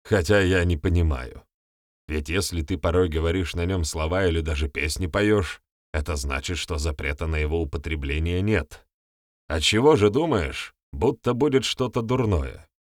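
Sly grey-haired old sage, measured and calm, read by a man; low, dry. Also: no room sound, lightly acted.

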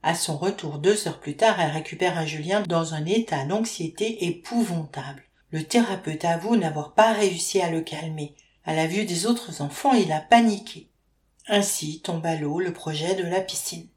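A woman narrating an audiobook in a steady, even storytelling manner. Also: lowish voice, moderate pace, few pauses. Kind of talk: scripted narration. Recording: roomy echo.

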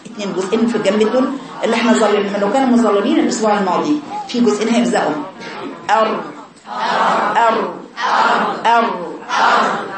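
Egyptian woman teaching in an echoey hall. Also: mid-range voice. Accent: Egyptian Arabic. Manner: explains step by step, asks her students questions. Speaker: Quran recitation teacher. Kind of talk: informal classroom lesson. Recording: distant voice in an echoey room with a crowd. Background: audience of women students.

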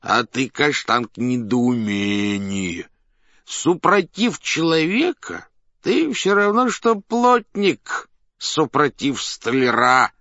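A man voicing a drunken, rambling old carpenter with a quavering, tipsy tenor and slow, slurred speech. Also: mid-range voice, very animated, sharp tone, dry recording, voice pushed up, heavily acted. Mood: muttering. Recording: dull dry studio audiobook.

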